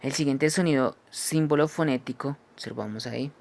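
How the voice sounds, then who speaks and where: A man teaching English phonetics, who explains each symbol slowly and keeps checking with "¿sí?". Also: mid-range voice, gravelly. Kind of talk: phonetics lesson.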